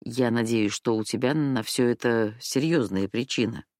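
A woman reading an audiobook voices a calm, steady adult woman friend with a deep, well-trained chest voice. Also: normal speed, no echo, clean studio sound. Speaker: rehearsing performer.

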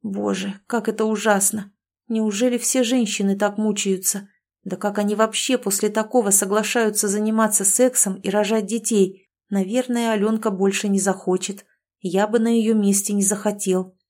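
A woman's voice: medium pitch, fairly even intonation, normal speed, darkish tone. A woman reading a first-person story aloud as an anxious, wry inner monologue. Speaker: audiobook narrator.

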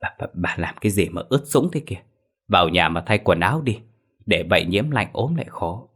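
A man playing a haughty old village official and husband who talks in a shaken, shouting way, in a spoken ghost story. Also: low-pitched, lively intonation, a little fast, husky, heavily acted. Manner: trembling, then shouting.

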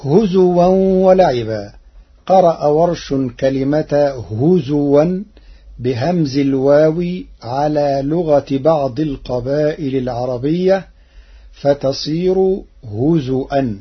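A man with a husky, raspy voice explains points of Quran reading in a formal radio lesson. He speaks slowly and deliberately, drawing out the words he quotes, in a fairly high register. The sound is dull and lo-fi, like an old radio broadcast.

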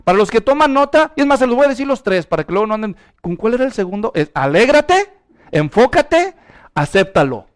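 A man preaches a lively sermon in a high-pitched voice. His tone is smooth and clear, and he keeps urging his listeners to turn to one another and speak. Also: fairly quick. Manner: animated, urges the congregation to respond aloud. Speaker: pastor.

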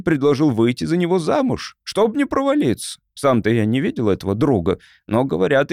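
A man reads an audiobook as a first-person folksy tale, with an easy, storytelling manner. His intonation rises and falls animatedly at a middle pitch. The recording is dry and close-miked. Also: vocal fry, darkish tone, dry recording. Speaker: audiobook narrator.

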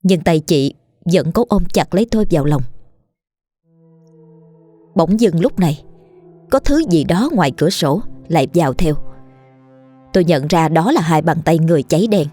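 A woman reading a horror story aloud in a steady, measured and grim narration. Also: lowish voice, soft background music.

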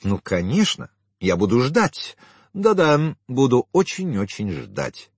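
A man's voice: medium pitch, very animated, takes it slowly, breathy edge, dry recording, studio quality, voice pushed up, full character voice. Man voicing a scornful, mocking widow. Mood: falsely sweet. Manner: scornful, teasing, then falsely sweet. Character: mocking haughty widowed woman, sharp-tongued. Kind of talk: audiobook character voice.

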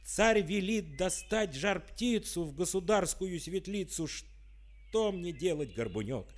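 A man voicing a frightened, excitable young peasant who pleads and protests, in a storybook verse reading. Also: high-pitched, slow pace, heavily acted. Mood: despairing.

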